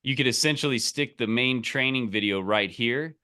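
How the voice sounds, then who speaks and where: A man coaches someone over a call, speaking at a normal speed in a medium-pitched, bright, forceful, clean voice. His manner is casual, emphatic and direct, a bit salesy, and he keeps checking in with the listener. He explains points and offers example scripts.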